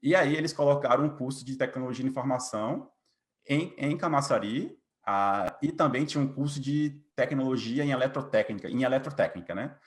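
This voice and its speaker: A software developer in his late twenties with a Bahian Brazilian accent tells his personal story as a guest in a casual interview. His mid-range voice moves fairly quickly, and he often tacks on little tag questions.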